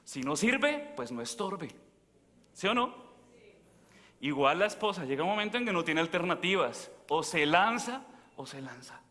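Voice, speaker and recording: Long reverb carries the pushed, bright, fairly high voice of a priest through a large church. His sermon is conversational, built on stories and questions to the congregation.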